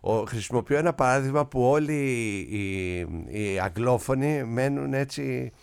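A man's voice: medium pitch, vocal fry, clean tone. A man hosting a radio chat, politely cutting in with questions. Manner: interjecting with questions, polite address.

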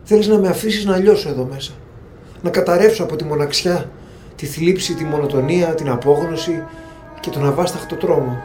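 An actor playing a lonely, self-pitying little creature trapped underground, wailing in melodramatic, flowery speech. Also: male voice, on the high side, mellow, soft background music, close to an everyday voice. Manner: melodramatic, wailing self-pity with florid invented words. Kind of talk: comic theatre or audio drama.

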